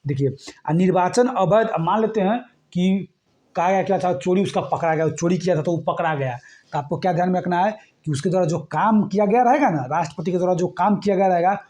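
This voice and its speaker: A man's voice: sits high, a little fast, darkish tone. A man teaching an exam-prep lesson, repeating points and checking in with the class. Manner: repetitive, keeps checking "ठीक है?" with listeners.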